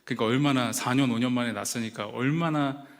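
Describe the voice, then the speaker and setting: A man's voice: mid-range voice, fast talker. A man in his forties, a pastor, telling a personal family story in an earnest, storytelling way. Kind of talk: prayer then personal testimony talk.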